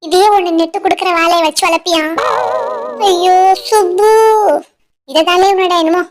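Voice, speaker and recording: A woman's voice: very high voice, fairly even intonation, moderate pace. Woman doing a blunt bird guy. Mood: scolding. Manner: blunt, scolding, drawled "ele" calls. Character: blunt, simple-minded male bird helper.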